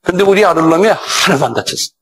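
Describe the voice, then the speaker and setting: A middle-aged man preaching a sermon as pastor, animated and acting out scolding dialogue, often asking his listeners for assent. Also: fast, low-quality recording. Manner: animated, acts out dialogue with sudden raised pitch.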